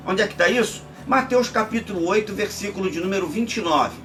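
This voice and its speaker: Emphatic high-voiced preacher. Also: male voice, fairly quick, distant mic, soft background music. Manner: emphatic, swinging between shouts and near-murmurs. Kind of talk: sermon-style Bible teaching.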